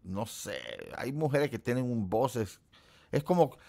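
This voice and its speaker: A man's voice: lively intonation, measured pace, dark tone. A middle-aged man from Central America hosting a livestream, chatting casually with his viewers and teasing them. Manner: chatty, jokes and teases his chat; quotes people in a put-on high voice. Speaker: livestream host. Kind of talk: casual chat with live viewers.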